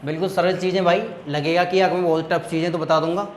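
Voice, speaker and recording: A man's voice: a little high, flat delivery, fast talker, echoey room, slight background noise. A man tutoring maths, walking students through each step and checking often that they follow. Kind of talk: classroom maths lesson.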